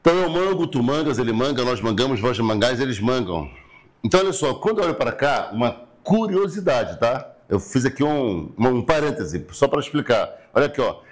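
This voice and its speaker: A Brazilian man teaches a recorded online grammar lesson at a steady, explanatory pace. His voice sits in an ordinary middle pitch. He repeats key words and checks in with his listeners often. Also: fairly quick. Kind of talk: recorded online class lecture.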